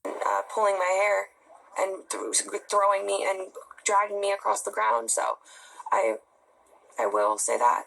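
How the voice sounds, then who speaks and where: A woman in her twenties being interviewed on television, answering in a halting, defensive way. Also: mid-range voice, gravelly, fairly bright tone, poor audio. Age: 20s. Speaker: interview guest. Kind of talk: broadcast news interview.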